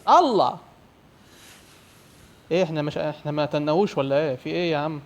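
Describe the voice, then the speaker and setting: A young man with an Egyptian Arabic accent doing fast, excitable commentary on a horror game, yelling and swearing when scared. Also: a little high. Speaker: gamer.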